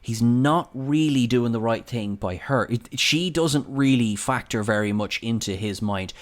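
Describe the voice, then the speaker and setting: Irish accent, man, podcast co-host, middle pitch, animated, acts out dialogue, swears now and then. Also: measured pace. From Ireland. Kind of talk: casual film-discussion chat.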